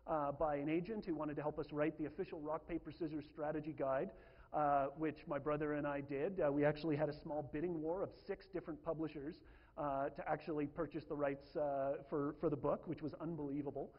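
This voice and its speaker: A man's voice: on the high side, steady tone, brisk. A man giving a conference talk, chatty and full of fillers and restarts. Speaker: conference speaker. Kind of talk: presentation talk. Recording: dull lo-fi sound in a reverberant hall.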